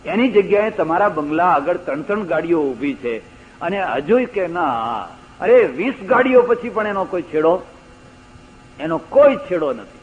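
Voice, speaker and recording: A man's voice: sits high, lively intonation, unhurried. An older man with a Gujarati accent giving a spoken religious discourse, telling anecdotes and acting out the voices in them with rising emphatic stresses. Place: lecture hall. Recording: dull lo-fi archival audio recording.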